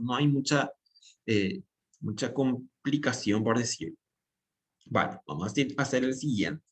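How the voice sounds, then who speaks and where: A man teaching a math class in an ordinary mid-range voice. He works through each step out loud as he writes and keeps asking himself questions that he then answers. His delivery is patient and methodical. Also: mid-range voice. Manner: explains step by step while writing, asks and answers his own questions. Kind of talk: recorded class lecture.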